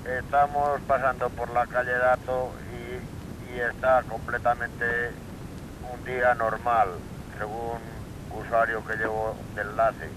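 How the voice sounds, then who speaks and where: A man's voice: mid-range voice, monotone, slow. A man, a patrol officer, giving a formal, clipped report over police radio. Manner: formal, clipped call-and-answer. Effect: police radio transmission. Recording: noisy archival radio transmission.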